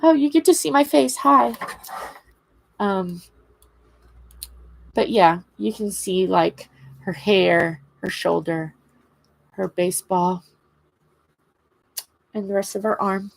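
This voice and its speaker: A woman chatting casually and haltingly on a livestream, her words slightly impeded by a swollen lip. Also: mid-range voice, vocal fry, rough recording. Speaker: craft livestream host. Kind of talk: casual rambling livestream chat.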